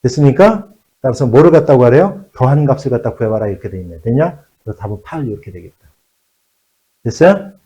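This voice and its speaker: Lively-voiced man teaching a math class. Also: mid-range voice, quick pace, poor audio. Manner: checks in with the students constantly, repeats key phrases; switches between polite and casual speech. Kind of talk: classroom lecture.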